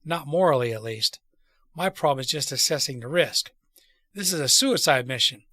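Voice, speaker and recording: A man's voice: mid-range voice, expressive, normal speed, sharp tone, no room sound, studio quality. A man voicing a wary, guarded male fugitive in a storybook read aloud. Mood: uneasy.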